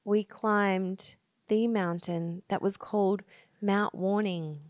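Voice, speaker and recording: An Australian woman co-hosting a podcast in animated casual chat, acting out her own thoughts. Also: medium pitch, slow, dry recording, studio quality. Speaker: podcast co-host.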